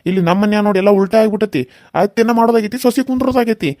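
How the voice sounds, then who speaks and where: A man's voice: high-pitched, racing, a little mellow, no room sound, studio quality, lightly acted. A man voicing a stern middle-aged father-in-law in a cartoon serial, scolding and lecturing.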